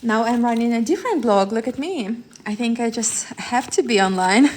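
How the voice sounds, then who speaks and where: On a live stream, a Ukrainian tarot reader chats with viewers at a normal speed, her fairly high, darkish voice carrying lively intonation. She rambles with plenty of fillers and restarts, and there's slight background noise.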